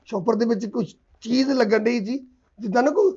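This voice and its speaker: A man's voice: extremely high pitch, fairly quick, darkish tone, breathy edge, highs cut off. A man, playing a melodramatic older brother in a comedy sketch who whines and fake-sobs to get fed. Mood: fake weeping. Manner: whining, theatrical fake sobbing. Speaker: comic actor. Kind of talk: slapstick sketch acting.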